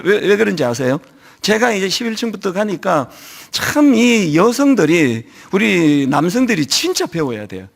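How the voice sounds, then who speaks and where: A middle-aged man preaching a sermon as senior pastor, telling stories in an animated way with a touch of a lingering cold. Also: on the high side, creaky. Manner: animated storytelling, acting out quoted voices. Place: church.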